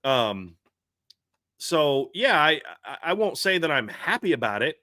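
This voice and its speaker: A man hosting a live sports talk show, talking in an animated, rambling way with frequent restarts. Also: a little high, measured pace, dry recording, clean studio sound. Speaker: podcast host.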